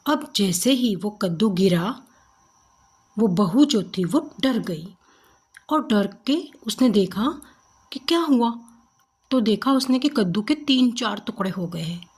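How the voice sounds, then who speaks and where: A woman storyteller narrating a comic folk tale in an expressive, conversational way. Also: mid-range voice, slow, husky.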